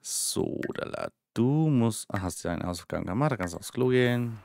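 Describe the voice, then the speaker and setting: A man's voice: mid-range voice, animated, brisk, vocal fry, heavy background noise. A man giving casual gameplay commentary and chatting to the characters on screen. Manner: chatty, talks to his game characters. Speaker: let's player.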